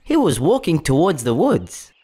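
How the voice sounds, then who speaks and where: An actor voicing a friendly, forgetful male cartoon character in an unhurried, absent-minded manner. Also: mid-range voice, sing-song, warm tone. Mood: helpful. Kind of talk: children's cartoon acting.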